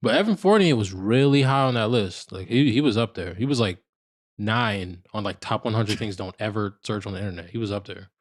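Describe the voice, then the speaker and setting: A podcast co-host trades laid-back, teasing banter about fashion and basketball, speaking in a slangy style. His voice is lowish with lively intonation, and he talks a little fast.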